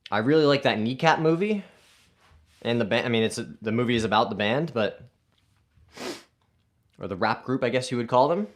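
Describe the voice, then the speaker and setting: A man's voice: medium pitch, lively intonation, brisk, pauses often. A man hosting a golf live stream, casually reading viewer comments aloud and answering them in an upbeat way.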